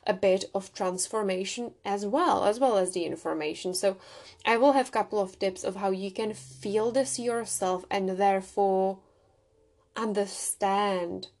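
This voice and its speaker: A young adult woman from the Czech Republic hosts a solo podcast, telling personal stories reflectively in a mid-range, slightly mellow voice. Her Czech accent is clear, and she makes small restarts as she talks.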